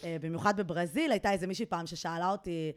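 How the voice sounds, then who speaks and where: A young woman, a podcast co-host, chatting and teasing in a casual conversation. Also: on the low side. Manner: chatty, teasing, quick reactions. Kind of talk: casual chat.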